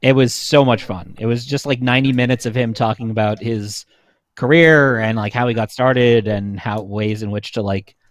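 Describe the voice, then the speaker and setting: A man in his thirties sits on a panel for a casual chat, recounting things in an informal, halting, conversational way. His pitch is medium and his tone steady, and there's no room sound.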